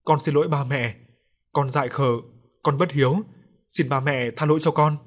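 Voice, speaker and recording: A man's voice: a little high, fairly even intonation, normal speed, natural voice. A man voicing the ghost of a young woman, speaking sorrowfully through a medium. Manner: sorrowful, apologetic.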